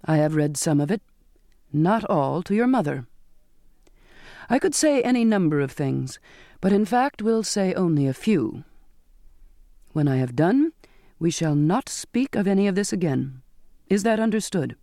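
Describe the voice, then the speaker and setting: A man's voice: high-pitched, expressive, a little slow, dark tone, no echo, clean studio sound. A man voicing a strict, cold Victorian father who gives formal commands in an audiobook. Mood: stern lecturing. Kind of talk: audiobook character voice.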